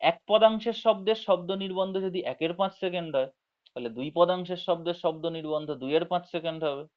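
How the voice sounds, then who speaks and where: Patient man teaching an online class. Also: high-pitched. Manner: explains slowly, checks understanding with frequent tag questions; drawls words out syllable by syllable when demonstrating. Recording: dull lo-fi audio.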